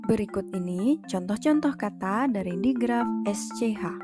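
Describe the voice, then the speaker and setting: A woman's voice: medium pitch, lively intonation, normal speed. A woman teaching a language lesson, carefully enunciating and repeating example words as she addresses viewers as friends. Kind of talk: instructional lesson. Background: background music.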